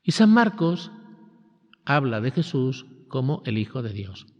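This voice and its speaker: A male priest gives a retreat sermon, and his pitch climbs and drops widely as he stresses phrases. He speaks slowly and deliberately. The sound is dull and lo-fi, with a long reverb trailing each line. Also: big pitch swings, darkish tone. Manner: emphatic, rising and falling preaching cadence with slow stressed phrases.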